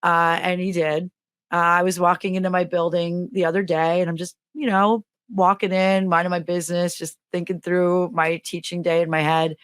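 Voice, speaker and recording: A woman's voice: normal speed, smooth, no room sound, clean studio sound. A middle-aged woman co-hosting a podcast, telling a comic story in casual chat and acting out the quotes with big jumps in her voice. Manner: animated, acts out quotes with big pitch jumps. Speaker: podcast co-host and teacher.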